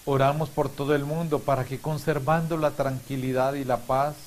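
Male priest, 50s, mid-range voice, measured and solemn homily and prayer delivery, hissy recording. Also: medium pitch, little pitch movement. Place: small indoor chapel room. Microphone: lapel mic. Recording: clear background hiss.

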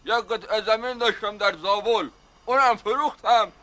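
In a sitcom, an actor plays a boastful male caretaker smitten with a young woman, doting and speaking of love in flowery words while calling others "baba jan." His voice is high, bright and forceful, and the audio is poor.

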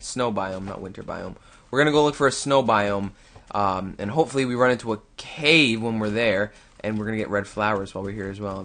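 A young Canadian gaming YouTuber rambles through casual let's-play commentary, talking close to the mic to himself and his viewers. His voice sits lowish with a slightly bright edge.

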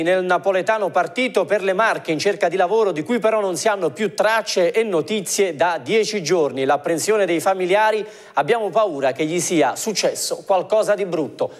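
High-pitched male news anchor. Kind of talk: scripted studio news reading. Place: television news studio.

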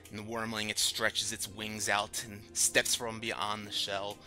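Guy running a dnd game, low but really crisp bright voice, music in back. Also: completely flat delivery, a little slow. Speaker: game master. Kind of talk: narrating a tabletop fantasy game.

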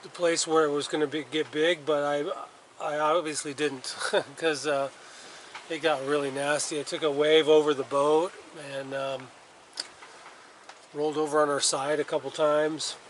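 A man's voice: fairly high pitch, little pitch movement, normal speed, poor audio. Man in his fifties, solo sailing vlog, rambling self-talk, camera at arm's length, light sea noise behind. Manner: rambling, self-talking, with restarts and muttered curses. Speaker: solo sailor vlogger. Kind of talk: casual self-filmed vlog. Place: small sailboat at sea, cabin and open deck. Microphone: handheld camera at arm's length.

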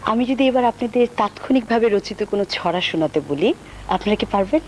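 A woman's voice: medium pitch, expressive, fairly quick. A woman with a Bangladeshi accent hosting a formal television interview in a studio. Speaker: TV interview host. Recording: noisy old TV studio tape.

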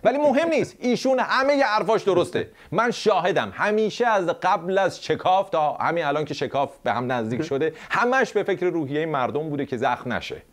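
A man's voice: a little high, lively intonation, hardly any pauses. A man hosting a satirical comedy show, delivering a mocking, sarcastic monologue.

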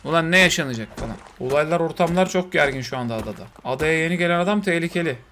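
Excitable high-voiced streamer. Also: male voice, rapid-fire, slight background noise. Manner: excitable, swearing, yelling at game creatures. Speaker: gaming streamer. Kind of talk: let's play commentary.

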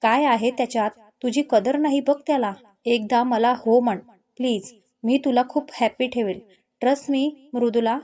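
A woman's voice: fairly high pitch, a little slow, a little mellow. A woman voicing a jealous, scheming young male colleague in a told story, close to her own voice. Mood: coaxing. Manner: coaxing, then sneering.

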